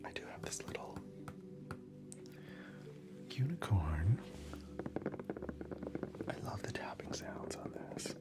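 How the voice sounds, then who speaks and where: Male ASMR streamer, low whisper, chatty and casual, reads comments aloud, steady music bed underneath. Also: slow pace, long pauses. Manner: chatty, answers viewer comments aloud between snacks. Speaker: ASMR livestream host. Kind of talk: whispered ASMR livestream chat.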